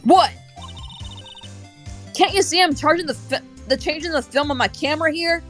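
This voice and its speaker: A woman's voice: sits high, moderate pace, fairly bright tone, faint music behind. A woman doing a feisty Southern country gal. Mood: grumbling. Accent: American Southern. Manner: sassy, feisty, folksy drawl.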